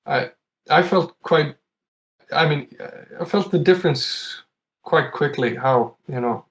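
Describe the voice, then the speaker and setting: Appearing as a podcast guest, a competitive retro gamer from Iceland speaks slowly in a slightly high voice. His storytelling is casual and conversational, punctuated by frequent chuckles.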